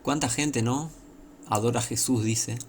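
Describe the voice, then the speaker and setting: A man's voice: mid-range voice, steady tone, measured pace, a little hiss or hum. A man with an Argentine accent preaching an informal sermon, emphatic and repetitive, with many rhetorical questions. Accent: Argentine Spanish.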